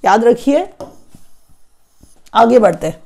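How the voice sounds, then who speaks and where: A woman's voice: a little high, expressive, slow pace, a little mellow. A woman teaching an exam-prep current affairs lesson, explaining and repeating key facts so students memorize them.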